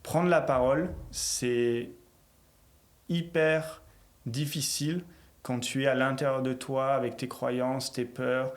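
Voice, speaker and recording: Middle-aged French coach, animated and reflective, mid-range voice, podcast guest. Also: male voice, medium pitch, slow. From France. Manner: animated, reflective, builds lists of short phrases. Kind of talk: podcast interview conversation.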